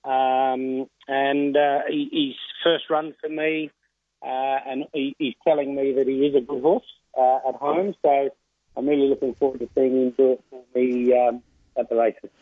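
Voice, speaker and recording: A man who trains racehorses, speaking over a phone line in a radio phone interview, halting and full of filler sounds. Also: mid-range voice, flat delivery, no room sound. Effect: heard over a phone line.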